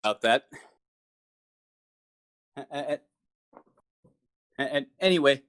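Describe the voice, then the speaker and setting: A game master improvising narration for a tabletop game, with a halting, stammering delivery that often repeats words. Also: mid-range voice, animated, fairly bright tone.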